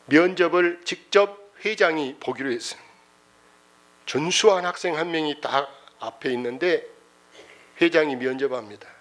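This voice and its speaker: A middle-aged pastor delivers a sermon through a folksy, emotional story. He is full of exclamations and speaks in a slightly high male voice. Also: normal speed, pauses often, a bit bright.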